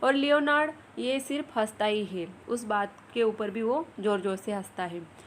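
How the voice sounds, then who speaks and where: A woman's voice: fairly high pitch, moderate pace, a little hiss or hum. A woman teacher with an Indian English accent explaining a story step by step and asking the class questions. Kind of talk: explaining an English lesson in Hindi.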